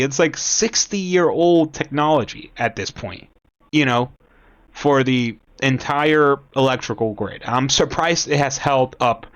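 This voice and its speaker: Slow, halting Cuban-born man. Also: fairly high pitch, fairly bright tone. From Cuba. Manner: rambling, halting, reads aloud from an article. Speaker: commentator. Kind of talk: casual talk to camera.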